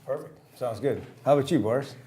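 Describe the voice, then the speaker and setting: A man hosts a community TV interview and keeps things moving at a quick clip. His voice sits at an average pitch, and his questions come out friendly and brisk. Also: dark tone. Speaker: host.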